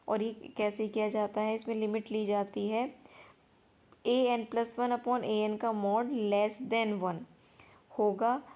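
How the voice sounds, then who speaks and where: A young maths teacher with a warm, mid-range voice leads an exam revision lesson. She explains step by step, slowly repeating key points and often checking that her students have understood.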